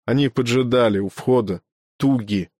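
A man's voice: mid-range voice, normal speed, darkish tone, no echo, clean studio sound, natural voice. A man voicing a dying old teacher, strained. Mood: pained, pleading. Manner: strained, broken phrases. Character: dying old male teacher, gasping in pain.

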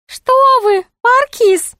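A woman's voice: extremely high pitch, very slow, sharp tone, no room sound, clean studio sound, pitched above the performer's own voice, heavily acted. A woman voicing a sly, greedy male court jester with a sweet, wheedling manner.

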